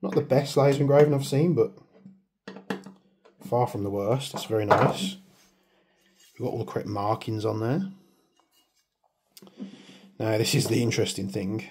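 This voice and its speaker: Fairly low and darkish, with a slightly rough texture, this British man's voice runs at a normal speed but stops often. An airsoft video maker, he rambles through a hands-on product review, chatting away and laughing at himself for waffling.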